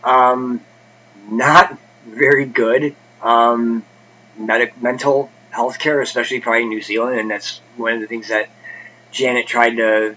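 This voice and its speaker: Bright-voiced congested man reviewing books. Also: mid-range voice, muffled recording, a little hiss or hum. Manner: rambling, many fillers and restarts. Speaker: book review channel host. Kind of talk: casual book review chat.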